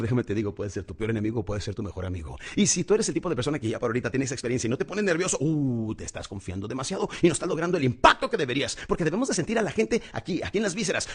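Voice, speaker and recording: Rich: A man coaches public speaking in a husky, lively voice that leaps from high and loud to low and soft. He talks fast and with energy, calling the listener "champion". His tone is motivational and full of dramatic pauses. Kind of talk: motivational lesson.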